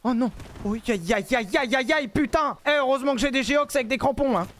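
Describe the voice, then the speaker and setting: A man commentating his own video game live, joking, swearing and talking to his chat in an excitable way. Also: very high-pitched, a little fast, slight background noise. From France. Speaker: streamer playing a video game.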